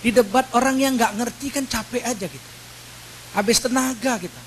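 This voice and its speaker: A man's voice: very high-pitched, normal speed, slight background noise, poor audio. A middle-aged man preaching in a mosque, telling stories with acted quotes and sound effects. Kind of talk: mosque sermon with storytelling.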